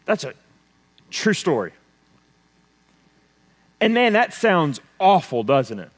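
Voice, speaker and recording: A man preaching a sermon, swinging between loud emphasis and hushed intensity. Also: a little high, sing-song, slow. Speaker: pastor. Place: church sanctuary. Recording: long church reverb.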